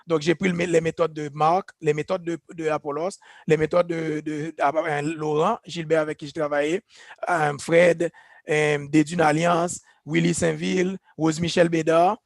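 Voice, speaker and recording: Man, church leader, earnest testimony, high voice, dry sound. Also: little pitch movement, a little slow, vocal fry, no echo. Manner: earnest, reflective, personal testimony. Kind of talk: speaking on leadership. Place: church gathering.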